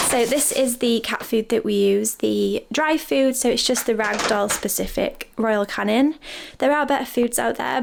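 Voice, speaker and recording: A young woman casually narrates a vlog about her day with her cats, her voice a little high and creaky. She sounds slightly sniffly from a cold and laughs often.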